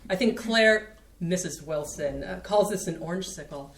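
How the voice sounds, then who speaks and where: A woman with a fairly low, natural voice reads the role of a cool, disdainful woman guarding her friend in a staged play reading. Her delivery is dry and pointed at a moderate pace, with a roomy stage sound.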